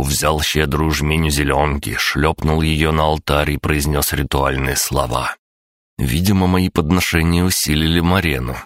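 Very deep-voiced male audiobook narrator. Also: no echo, studio quality. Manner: measured, even first-person telling.

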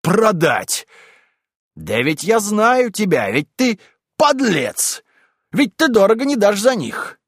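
A man voicing a boisterous, rude male landowner who shouts and bullies in an audiobook reading. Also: high-pitched, very animated, slow pace, slightly rough, no room sound, clean studio sound, voice pushed up, exaggerated voice. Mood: blustering. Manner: shouting, blustering, pushy.

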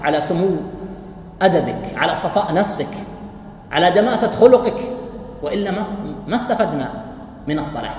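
A man preaching, talking quickly and swinging his pitch up and down. He keeps the lecture lively, throws rhetorical questions at the audience and chuckles lightly between points. His voice rings through a very echoey hall with a long tail and a faint hiss.

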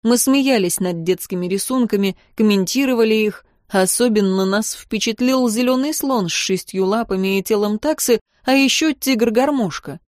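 A woman narrating a novel in the first person, calm, measured and expressive. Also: a little high, no echo, clean studio sound. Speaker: audiobook narrator.

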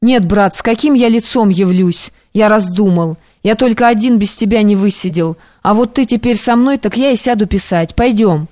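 A woman voicing an anxious, guilt-ridden young male clerk who pleads haltingly, in an audiobook. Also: medium pitch, a little mellow, no echo, clean studio sound, lightly acted. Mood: pleading. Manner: imploring, halting.

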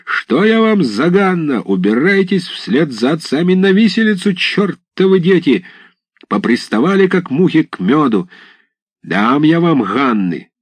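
Hoarse old village head, gruff, low-voiced, bossy, read by a man, dry close sound. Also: moderate pace, no room sound. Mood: furious shouting. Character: stern older male village head, gruff.

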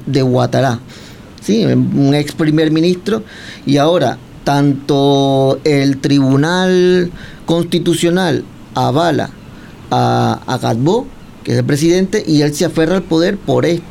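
A Cuban man acts as a guest interviewer in a casual chat, questioning his guest, teasing, and spinning long, drawn-out stories. His voice is a little high, gravelly, and slightly mellow, with a faint hiss or hum in the audio.

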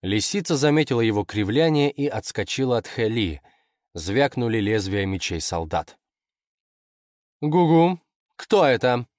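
Man, audiobook narrator, measured expressive reading, lowish voice, dry close sound. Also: no room sound. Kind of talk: scripted narration.

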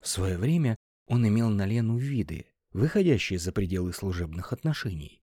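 A man narrating an audiobook, telling the story in an expressive, storytelling way. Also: on the low side, normal speed, slightly rough, no echo, studio quality. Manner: expressive storytelling with lively intonation.

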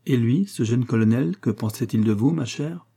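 A man reading an audiobook voices a kindly old spinster aunt in a low, soft, gentle tone. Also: moderate pace, vocal fry, breathy edge.

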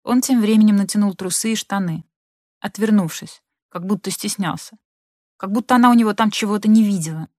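A woman narrating a literary audiobook in an expressive, measured manner. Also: mid-range voice, no room sound, studio quality.

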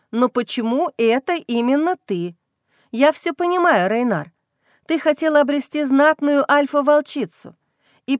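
A woman's voice: sits high, no echo, clean studio sound. A woman voicing an earnest, wry young heroine in an audiobook. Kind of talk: audiobook reading.

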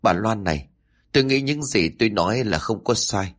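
A man voicing a calm, advising older neighbor woman in a spoken ghost story. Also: fairly low pitch, normal speed. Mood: serious.

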